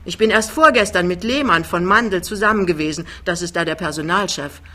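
A woman's voice: lowish voice, fairly quick. A woman voicing a big, cheerful man who talks his way out of everything, in an audiobook reading. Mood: breezy denial. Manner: breezy, loud, smooth-talking. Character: big cheerful male giant, glib charmer.

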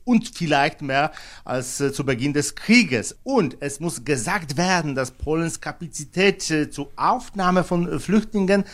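Male correspondent, German, halting, lots of fillers. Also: a little high, lively intonation, a bit bright. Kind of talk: news interview answers.

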